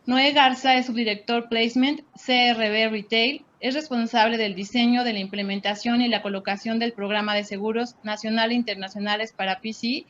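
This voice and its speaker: Higher-pitched woman, dull audio. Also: fairly bright tone. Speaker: webinar moderator introducing speakers. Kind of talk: formal scripted introductions. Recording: dull lo-fi audio, faint noise.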